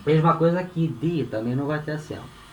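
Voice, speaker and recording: A Brazilian man teaches Spanish grammar patiently, repeating points and checking in after nearly every phrase with "né?" and "tá?". His voice is a little high and a little fast, recorded in an echoey room with faint ambient noise.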